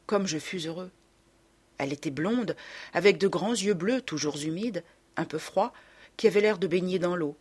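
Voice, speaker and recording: A woman's voice: on the low side, slightly rough. A woman reading a classic novel aloud as an audiobook, narrating expressively in the first person. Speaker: audiobook reader.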